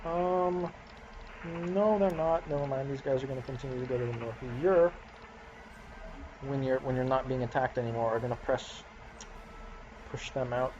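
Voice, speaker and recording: A man's voice: mid-range voice, moderate pace, pauses often, a little mellow, dull audio, slight background noise. A man casually commentating his own strategy game session, chuckling and talking to his units as he plays. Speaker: gameplay commentator.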